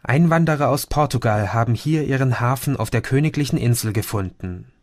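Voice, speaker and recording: A man's voice: medium pitch, a little fast, a little mellow, no echo, clean studio sound, lightly acted. A man voicing a friendly, talkative middle-aged Portuguese café owner who likes to explain things. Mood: friendly, chatty.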